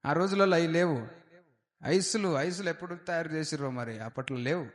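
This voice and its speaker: A man preaching an Easter sermon as pastor, fervent, with frequent hallelujahs and loud rising declarations. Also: on the high side, normal speed.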